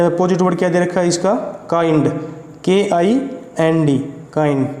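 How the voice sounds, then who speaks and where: Indian male tutor, unhurried, spells words out letter by letter, roomy reverberant recording. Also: high voice, warm tone. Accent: Indian English. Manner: corrects his own slips. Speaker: vocabulary teacher. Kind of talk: spelling-out vocabulary lesson. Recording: echoey room with long reverb.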